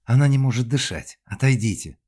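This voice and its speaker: A frightened young actress, as a male narrator puts her on, pleading and urgent in a raised voice. The audiobook reader lifts his deep tone well above its usual low place for her. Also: animated, a little fast, dark tone, slightly rough. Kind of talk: audiobook character voice.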